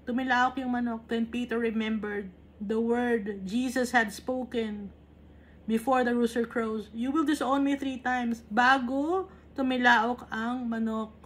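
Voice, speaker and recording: This Bible teacher from the Philippines reads verses in English and explains them in relaxed, chatty Tagalog, sprinkling in tag questions to check in. Her pitch is fairly high and her intonation fairly even, and she talks a little slowly.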